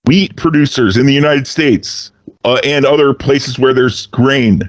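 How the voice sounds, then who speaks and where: A man co-hosting a casual political podcast, ranting profanely with big swings in pitch for emphasis. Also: measured pace, no room sound. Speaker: podcast co-host.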